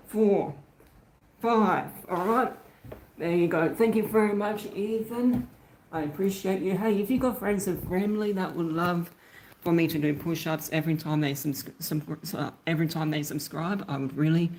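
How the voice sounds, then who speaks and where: A man's voice: a little high, fairly even intonation, moderate pace, darkish tone. An Australian man chatting casually on a phone livestream, thanking viewers by name as he goes. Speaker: YouTuber live-streaming.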